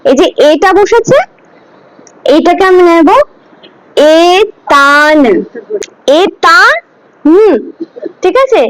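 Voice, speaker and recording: A woman's voice: very high voice, lively intonation, drawn-out words, long pauses, fairly bright tone, dry recording, poor audio. A woman teaching scripture pronunciation to a class, patiently breaking words into syllables and asking students to repeat after her. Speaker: Gita teacher. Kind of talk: slow pronunciation lesson.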